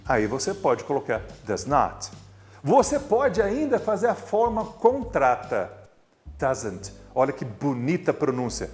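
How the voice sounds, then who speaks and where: Man, Brazilian Portuguese accent, English teacher, patient explaining, lively intonation, faint music behind. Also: fairly high pitch, measured pace. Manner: patient, explanatory, stretches words for emphasis. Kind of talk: recorded video lesson.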